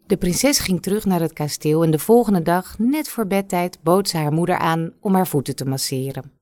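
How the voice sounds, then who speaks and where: A woman reads a fairy tale aloud, slow and measured. Her voice is fairly low, and the sound is dry and close. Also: expressive, warm tone, no room sound.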